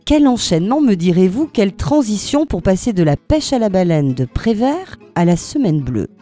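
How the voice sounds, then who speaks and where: A woman's voice: mid-range voice, sing-song, normal speed, dark tone, soft background music. A woman hosting a radio chronicle from a studio, speaking in a polished way with some hesitant fillers. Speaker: radio host.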